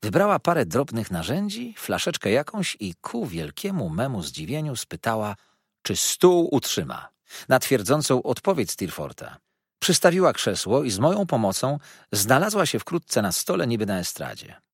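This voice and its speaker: A male audiobook narrator with a mid-pitched, slightly husky voice that rises and falls very freely as he tells the story. The sound is close and dry. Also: moderate pace, no room sound. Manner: expressive, lively storytelling. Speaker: audiobook reader.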